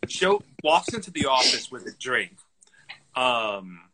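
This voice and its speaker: A man's voice: mid-range voice, huge pitch swings, slow, creaky, noisy background. A man co-hosting a podcast, chatting casually about a film, rambling with lots of fillers and laughing often, tired from lost sleep. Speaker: podcast co-host. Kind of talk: casual movie chat.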